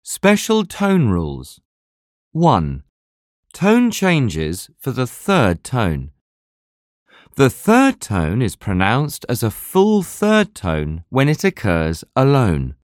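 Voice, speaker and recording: A narrator delivers a scripted pronunciation lesson at an unhurried, deliberate pace. The intonation swings widely from high to low, and the recording is dry and close. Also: wildly swooping pitch, dry recording. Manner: slow, measured, very varied intonation. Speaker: language teacher.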